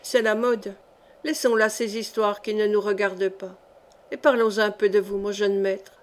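A woman reading a grave Spanish gentleman. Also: mid-range voice, little pitch movement, moderate pace, close to an everyday voice. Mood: serious. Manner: grave and insistent. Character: serious, probing Spanish gentleman.

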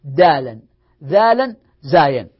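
A man's voice: fairly high pitch, big pitch swings, measured pace, slightly rough. A man, a sheikh, lecturing on grammar who repeats each rule and drills word forms, asking questions and answering them himself. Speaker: sheikh teaching Arabic morphology. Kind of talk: classroom lecture. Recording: dull lo-fi lecture recording.

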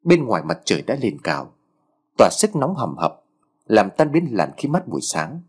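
Husky, lively male audiobook narrator. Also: lowish voice, moderate pace.

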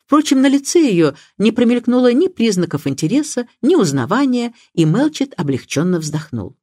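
A woman narrating a classic detective novel audiobook in a measured, expressive reading. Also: a little high, no echo, clean studio sound. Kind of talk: scripted narration.

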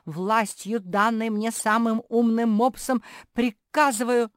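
A woman's voice: on the low side, a little slow, no room sound, studio quality, lightly acted. Storybook: a pompous, commanding pug sister, read by a woman. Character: bossy eldest-in-charge pug sister.

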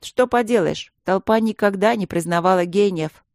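A woman's voice: medium pitch, moderate pace, a little mellow, no room sound, studio quality, close to an everyday voice. A woman voicing a proud, dramatic schoolboy who thinks he is a great artist, talking in a lofty, indignant way.

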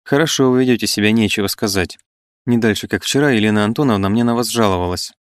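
A man reading the part of a genteel young married woman, polite and gently reproachful. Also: fairly low pitch, quick pace, clean tone, dry recording, lightly acted.

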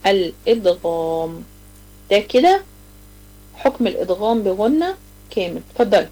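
A woman with an Egyptian Arabic accent leads a live online tajweed lesson for girls, explaining each rule step by step and questioning her students. She recites the examples slowly and draws them out in a mellow, medium-pitched voice with big pitch swings. The low-quality recording carries slight background noise.

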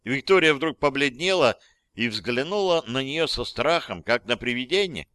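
A man narrates a story with lively delivery and gives voices to the characters. His tone is bright and crisp. The recording is dry and close. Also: medium pitch, normal speed, dry recording. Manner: lively, acting out dialogue. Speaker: audiobook narrator. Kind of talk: scripted narration.

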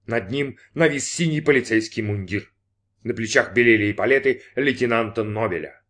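A man narrating a story as an audiobook in an expressive, measured way. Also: medium pitch.

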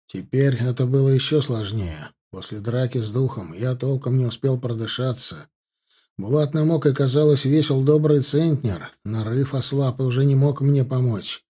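A man narrating a novel in the first person as an audiobook reader, in a steady, measured way. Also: mid-range voice, breathy edge.

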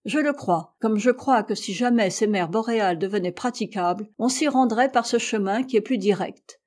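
A woman's voice: medium pitch, normal speed, darkish tone, natural voice. A woman voicing a stubborn, proud American explorer who argues insistently and heatedly.

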